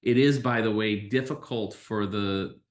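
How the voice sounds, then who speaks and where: Podcast host, male, low voice, emphatic opinionated explainer who poses his own questions, recorded in an echoey room. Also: a little slow. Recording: roomy, echoey sound.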